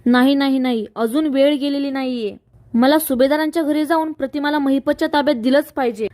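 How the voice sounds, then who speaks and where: A woman's voice: sits high, fairly even intonation, brisk, a little mellow, no room sound, clean studio sound, close to an everyday voice. A woman voicing a scheming young woman who coaxes her family and plots in secret. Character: scheming young woman, sweet outside, spiteful inside.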